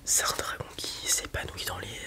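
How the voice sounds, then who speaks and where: Playing the role of a breeder, a man speaks in a breathy ASMR whisper at moderate pace, offering casual, hesitant explanations.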